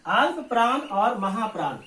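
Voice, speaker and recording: A man's voice: high-pitched, sing-song, measured pace, sharp tone. A man with a Bihari Hindi accent teaching a board exam lesson, explaining step by step and answering his own questions. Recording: roomy echo.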